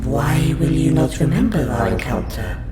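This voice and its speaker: A man with a slightly high, very animated voice plays a polite, patient alien researcher who has abducted a human and interviews them in an audio roleplay directed at the listener. His mood is formal and courteous, and he speaks with precise, measured care. Loud music plays underneath in a roomy, echoing recording.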